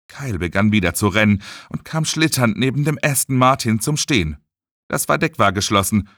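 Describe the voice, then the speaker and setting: A man reading an audiobook as narrator in a dramatic, expressive way. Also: fairly low pitch, dry recording, studio quality. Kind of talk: scripted narration.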